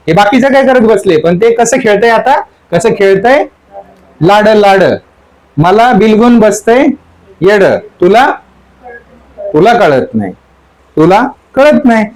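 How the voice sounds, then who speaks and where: High-voiced man preaching in questions. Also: rough recording. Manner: asks the audience question after question; repeats the song line again and again. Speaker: spiritual teacher. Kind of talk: sermon explaining song lyrics.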